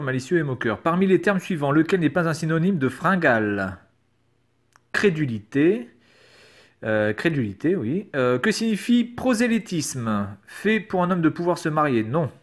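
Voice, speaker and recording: A man reading quiz questions aloud in a casual commentary video, sarcastic and hesitant, swearing now and then. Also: fairly high pitch. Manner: reads quiz questions aloud and answers them. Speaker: YouTuber. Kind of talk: casual screen-recorded commentary.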